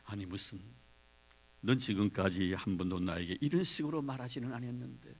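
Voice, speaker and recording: A man voicing a gentle, loving old father who coaxes his grown son in low, soft tones. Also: brisk, lightly acted. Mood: tender, coaxing.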